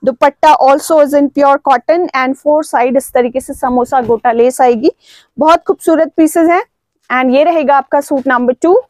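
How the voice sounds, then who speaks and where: A woman's voice: high voice, a little mellow, no room sound. A woman from Uttarakhand chattily presenting clothing for sale, mixing Hindi and English with frequent fillers. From Uttarakhand, India. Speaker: clothing seller. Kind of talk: product showcase.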